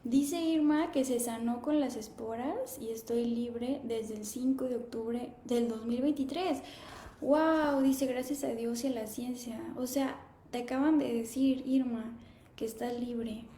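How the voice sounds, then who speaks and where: A woman in her thirties hosting a live stream, chatting casually and reading viewer comments aloud in a warm, conversational way. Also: on the high side, a little slow, slight background noise. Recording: echoey room.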